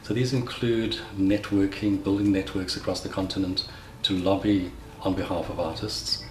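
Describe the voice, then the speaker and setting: A man's voice: deep voice, steady tone, normal speed. A man explaining an organisation's work in an articulate, methodical way, as its secretary general. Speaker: secretary general of an arts network. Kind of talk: prepared explanatory talk in a promotional interview. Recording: roomy echo, faint background noise.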